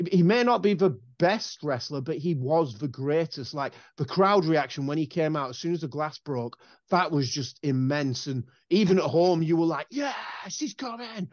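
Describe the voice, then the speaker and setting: A man's voice: on the high side, no echo. A man in his forties, a guest in a casual interview, telling stories with enthusiasm and wandering off on rambles. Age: 40s. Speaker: guest musician. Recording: dull lo-fi dry sound.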